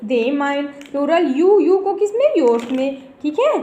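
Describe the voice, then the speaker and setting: A woman's voice: high voice, sing-song, slow, dark tone. A woman teacher explaining grammar to her students, repeating each term and checking that they follow. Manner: calls students "beta", repeats terms, checks understanding. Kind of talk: grammar lesson. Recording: echoey room.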